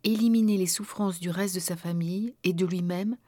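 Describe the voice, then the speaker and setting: A young woman brooding quietly over what her father did, read by a woman. The low voice is recorded dry and close. It sounds like an audiobook. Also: fairly even intonation, a little fast, dry recording, natural voice.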